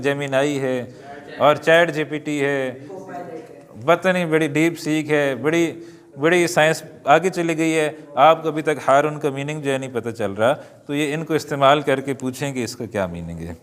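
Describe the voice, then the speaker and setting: A man teaching an Arabic lesson, reading words slowly and adding joking asides to his students. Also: on the high side. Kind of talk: classroom-style lesson. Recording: long hall reverb.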